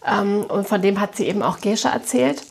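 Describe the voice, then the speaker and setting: A woman author reads her novel aloud with a slightly husky voice at a middle pitch. Between passages she talks freely and hesitates with fillers. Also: normal speed. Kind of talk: literary reading.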